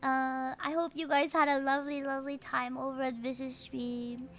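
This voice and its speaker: Hosting a livestream as a VTuber game streamer, a Filipino woman chats casually and effusively with viewers, repeatedly offering greetings and thanks while music plays. Her high, slightly bright voice has a flat delivery at normal speed.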